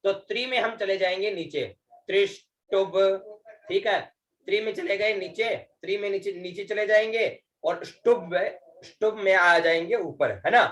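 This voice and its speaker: A man teaches Vedic recitation in an online class, his high voice a bit bright. He goes slowly and patiently, repeating words, stretching out chanted syllables, and checking in with students again and again through frequent fillers.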